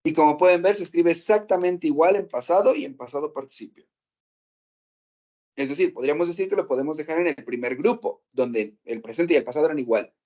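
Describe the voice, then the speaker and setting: A man's voice: fairly high pitch, a little fast, warm tone. Man teaching English. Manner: explains step by step, checks with "¿ok?" often. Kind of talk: classroom lesson.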